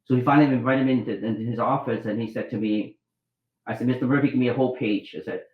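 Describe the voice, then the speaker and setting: This fast talker has a mid-range voice and fairly even intonation: a middle-aged man from Vietnam, a doctor and author, telling his life story in an interview. He rambles, keeps restarting, and acts out dialogue, heard through reverberant, phone-quality sound.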